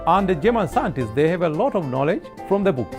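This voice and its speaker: Upbeat Tanzanian man, slightly high voice. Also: fast talker, music in the background. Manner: frequent restarts, lively and enthusiastic. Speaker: interviewed expert. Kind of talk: interview answers.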